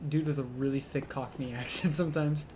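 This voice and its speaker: A man's voice: medium pitch, fairly even intonation, fairly quick, noisy background. Joking man rambling over gameplay. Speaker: let's play co-host. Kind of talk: casual gaming chat.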